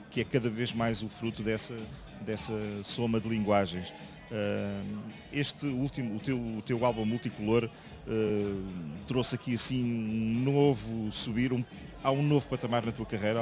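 A man with a European Portuguese accent interviewing a singer in a dressing room, pausing often and restarting his questions. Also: lowish voice. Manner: hesitant, many fillers and restarts.

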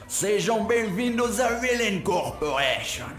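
A man acts a villain-school headmaster from a children's comedy story, gleefully wicked and theatrical. The voice is high and grand, in a roomy echo with clear music behind. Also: sing-song, slow pace, a bit bright, exaggerated voice. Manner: grand, mock-sinister, theatrical speech-making.

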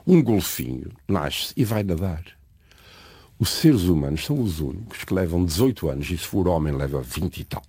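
An older man talks in a very deep, husky voice. He tells stories and lectures in a reflective, digressive way. The recording is dry and close. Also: lively intonation, normal speed, mellow, no echo. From Azores, São Miguel. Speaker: interview guest. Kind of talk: conversational storytelling interview.

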